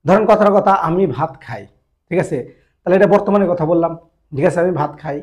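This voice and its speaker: A man with a notably high speaking voice walks through a grammar lesson step by step. He repeats each example slowly, pauses between phrases and keeps sending his viewers back to the textbook. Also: darkish tone. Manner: addresses viewers directly, pointing them to the book. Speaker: Japanese language teacher.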